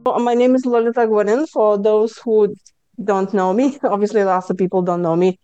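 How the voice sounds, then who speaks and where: A Lithuanian-accented woman, a stress management coach, shares her personal story in a podcast interview, speaking earnestly and candidly and slipping into lively quotes of herself. Her voice is medium-pitched and clean at a normal speed, with no room sound. The lo-fi recording carries soft background music.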